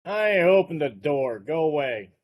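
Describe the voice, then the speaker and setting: A gruff, hostile rural man, read by a man at an amateur table read. The delivery is curt and sarcastic, low and quiet. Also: expressive, moderate pace.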